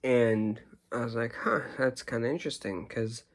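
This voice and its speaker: A man's voice: mid-range voice, normal speed. A tired young man yawning as he rambles through a casual story on his vlog. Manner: rambling, restarts sentences. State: sleepy, yawning. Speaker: YouTuber.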